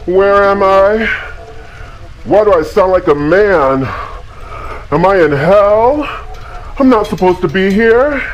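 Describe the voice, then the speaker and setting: Guy putting on a freaked-out lady stuck with a gender swap filter, high voice swinging all over, drawn out slow. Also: lively intonation, highs cut off, slight background noise. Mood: panicked, bewildered. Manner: frantic, bewildered, cursing. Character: panicked woman waking in hell, voice turned male.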